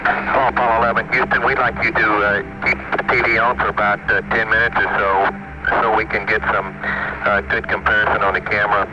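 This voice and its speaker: A man's voice: on the low side, little pitch movement, fast talker. A man speaking in procedural, clipped phrases over a two-way radio, as a spaceflight communicator in a radio exchange. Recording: muffled, noisy 1960s space radio transmission. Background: loud radio static and hiss.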